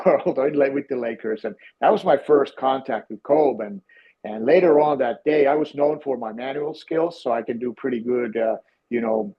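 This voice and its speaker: With a husky, mid-range voice and a Finnish accent, this former team physiotherapist from Finland spins conversational stories as a guest. He stumbles along, full of fillers and fresh starts, and the sound is muffled and lo-fi.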